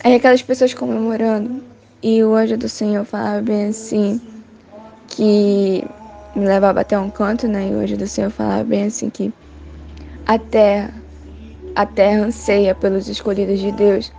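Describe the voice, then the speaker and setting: Young woman, church testimony, halting, repetitive, flat pitch, mellow tone. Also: gravelly, dull audio. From Brazil. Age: young adult. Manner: halting, repetitive, many restarts and fillers. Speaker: church member giving testimony. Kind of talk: spoken testimony of a vision.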